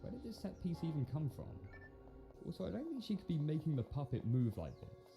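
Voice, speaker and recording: Sarcastic man reviewing films, lively delivery. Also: fairly high pitch, fairly quick, creaky. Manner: sarcastic, incredulous. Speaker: video commentator and film critic. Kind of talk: scripted film review commentary. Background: music.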